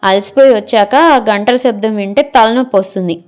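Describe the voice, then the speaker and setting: A woman's voice: medium pitch, a little fast, darkish tone, smooth, faint music behind, natural voice. A woman reading the part of a picky middle-aged wife in an audio story, scolding and rejecting every suggestion.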